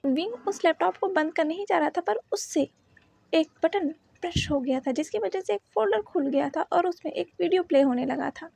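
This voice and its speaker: A woman narrating a fan fiction story in a steady storytelling manner. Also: very high voice, normal speed, vocal fry, no room sound.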